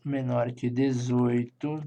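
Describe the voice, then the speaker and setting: A man's voice: mid-range voice, level tone, takes it slowly, vocal fry, warm tone, a little hiss or hum. A man with a Brazilian Portuguese accent teaching a programming lesson, thinking aloud as he types and checking in with listeners after each step. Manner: thinks aloud while typing, with frequent checking "tá?". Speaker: programming instructor. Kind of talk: screencast coding lesson.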